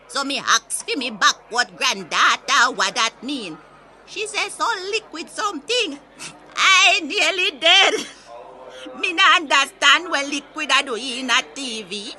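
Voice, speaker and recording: A woman's voice: sits high, pushed and bright, full character voice. A woman playing a feisty, gossipy old Jamaican grandmother in a comic audio story, ranting indignantly and with exclamations in Patois. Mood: indignant, baffled. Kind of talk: comic monologue rant in Patois.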